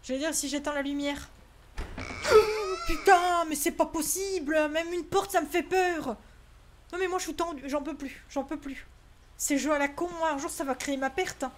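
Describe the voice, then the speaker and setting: A woman's voice: high-pitched, fairly even intonation, a little fast, slight background noise. A woman streaming a horror game, talking jumpily and anxiously, swearing and exclaiming as she plays. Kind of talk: live gaming commentary.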